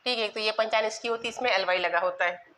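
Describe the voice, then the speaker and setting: A woman's voice: medium pitch, fast, pushed and bright, low-quality recording. A woman teaching a grammar lesson to exam students, spelling out words letter by letter and repeating phrases as she asks and answers her own questions.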